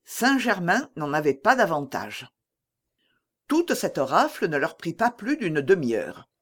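Slow, animated classic-novel reader. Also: mid-range voice. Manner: slow, lively storytelling with voiced dialogue. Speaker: audiobook narrator. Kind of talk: scripted narration of a classic novel.

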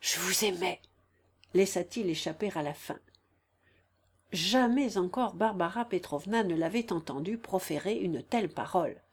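A woman's voice: fairly low pitch, animated, normal speed, darkish tone, slightly rough. Woman narrating a classic novel. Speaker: audiobook narrator. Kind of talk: scripted literary narration.

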